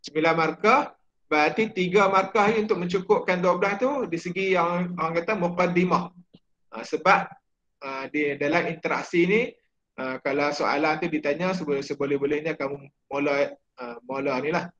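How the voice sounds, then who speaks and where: Malaysian male teacher, slightly high voice, chatty lecture, filler-heavy, dull lo-fi audio. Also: moderate pace, a bit bright. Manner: chatty, many fillers and checks. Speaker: religious studies teacher. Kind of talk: exam-prep lecture.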